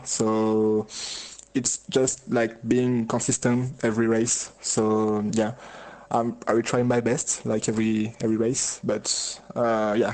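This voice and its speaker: A man gives a casual post-race interview. He searches for his words haltingly, with little pitch movement at an average male pitch. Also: a little mellow, low-quality recording. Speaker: racing driver being interviewed.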